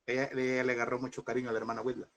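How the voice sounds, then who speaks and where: In his thirties, a man delivers a seminary class as an impassioned sermon, speaking through grief and repeatedly calling his listeners "hermano," or brother. His medium-pitched voice is flat in delivery and racing in pace, and slight background noise can be heard.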